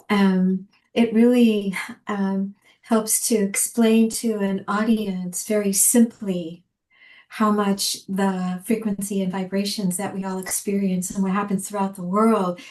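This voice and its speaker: A woman's voice: mid-range voice, darkish tone. Rambling woman caller in an echoey room. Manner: rambling, hesitant, many ums. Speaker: caller asking a question. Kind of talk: casual question on a video call.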